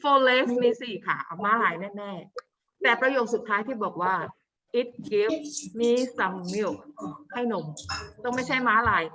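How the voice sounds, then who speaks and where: A woman teaching English to young pupils, modeling words slowly and coaxing the class to repeat after her. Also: on the high side, lively intonation, bright, forceful tone, dull audio. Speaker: primary school English teacher. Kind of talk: online class drilling vocabulary.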